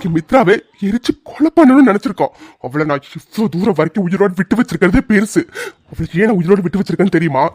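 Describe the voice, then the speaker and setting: A man voicing a hot-tempered, fiercely loving young hero in a cartoon, rough-spoken and quick to tears. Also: sits high, animated, a little mellow, dry recording. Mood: scornful. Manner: fiery, rough-spoken, breaks into sobs. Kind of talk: cartoon voice dubbing.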